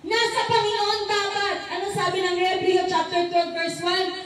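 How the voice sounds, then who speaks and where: A woman's voice: very high voice, level tone, moderate pace. A young woman gives a church testimony and preaches, calling out amen to the congregation in a church hall. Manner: preacherly call-and-response with frequent amen shouts. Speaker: church speaker giving testimony. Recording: echoey hall from far off.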